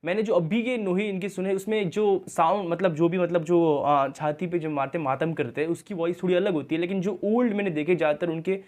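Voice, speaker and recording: Young man talking casually with a high voice. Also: steady tone, a little fast, hardly any pauses, a little mellow. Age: young adult. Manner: mixes English words into casual talk. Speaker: reaction video host. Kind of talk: casual commentary.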